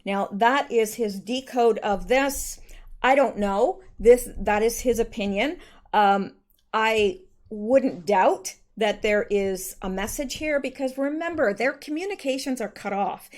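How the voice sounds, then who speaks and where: A woman's voice: on the high side, a little slow. A woman hosting her own channel, casually reading out posts and commenting on them in a loose, conversational way with frequent ums and self-corrections. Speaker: channel host.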